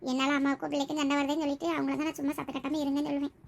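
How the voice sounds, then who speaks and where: A gentle, childless young village wife, speaking softly and tearfully, as a woman acts her out. Her voice is high and the talk runs very fast. It is a village skit. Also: level tone, creaky, a little hiss or hum. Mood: sorrowful. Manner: soft and tearful. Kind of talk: village comedy skit acting.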